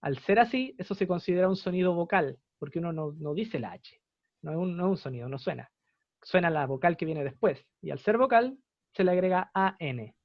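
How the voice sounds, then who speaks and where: High-voiced Chilean man teaching English. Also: animated, fairly quick, no room sound, highs cut off. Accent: Chilean Spanish. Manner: patient, explanatory, repeats examples. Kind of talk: online class explanation.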